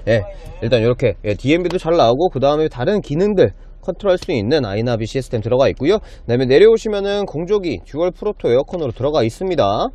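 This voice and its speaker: A man's voice: a little high, very animated, fast talker, few pauses, mellow. A man in his thirties presenting a car as a used car dealer, with polite, enthusiastic salesman patter in a casual walkaround style. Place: inside a car and in an underground car park.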